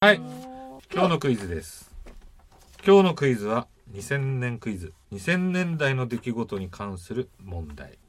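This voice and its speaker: Animated man in his fifties. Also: moderate pace, background noise. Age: 50s. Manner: animated, laughs and jumps in pitch when excited. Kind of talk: casual chat.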